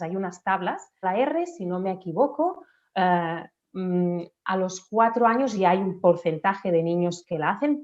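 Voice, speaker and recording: A woman's voice: on the low side, a little mellow. Patient, methodical female expert; dull, lo-fi recording. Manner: patient, methodical explaining, demonstrates sounds aloud. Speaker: speech therapist guest. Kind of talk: explanatory interview talk. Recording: dull lo-fi audio.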